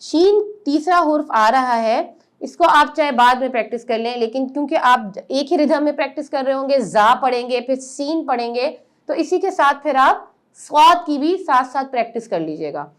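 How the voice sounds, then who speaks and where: High-voiced woman teaching letter sounds. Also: animated. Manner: patient, explains then drags out each letter sound slowly and loudly. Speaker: Quran reading teacher. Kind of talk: step-by-step pronunciation lesson.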